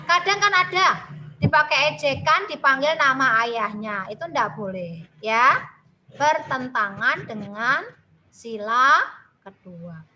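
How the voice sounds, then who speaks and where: Heard on a low-quality recording with slight background noise, a woman with a high-pitched, expressive, bright, and pushed voice leads an online class. She is a Central Javanese primary school teacher with a Javanese accent, slowly and patiently explaining the lesson to young children by video call and using tag questions.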